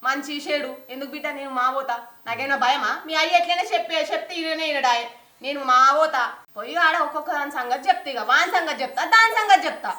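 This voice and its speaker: A woman's voice: high voice, quick pace, bright, forceful tone, roomy sound, slight background noise. A woman playing a weepy village mother with a Telangana accent. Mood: defiant. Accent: Telangana Telugu. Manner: weepy, scolding. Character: anxious village mother, tearful, scolding. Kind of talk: village family drama.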